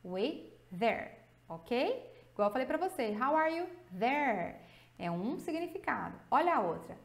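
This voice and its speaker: A woman with a Brazilian accent teaching an English grammar video lesson, explaining with lively emphasis and slowly drawing out her example words. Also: high-pitched, gravelly, reverberant. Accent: Brazilian Portuguese.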